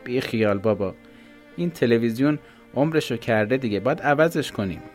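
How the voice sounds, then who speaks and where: A man's voice: medium pitch, animated, a little mellow, faint music behind, pitched above the performer's own voice, lightly acted. A man voicing an earnest, slightly defiant teenage boy who tells his father a story.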